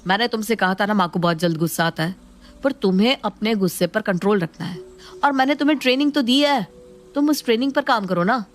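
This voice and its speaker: A woman voicing a young husband who keeps calming his wife, in a soothing, coaxing way. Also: medium pitch, fast, close to an everyday voice. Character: young husband, calm peacemaker son.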